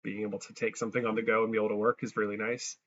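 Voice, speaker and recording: A man giving a casual, chatty software tutorial and thinking aloud as he clicks through each step, his audio crunchy and distorted. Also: on the low side, level tone, rapid-fire, muffled recording, a little hiss or hum. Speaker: tutorial creator. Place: abroad, working on a laptop.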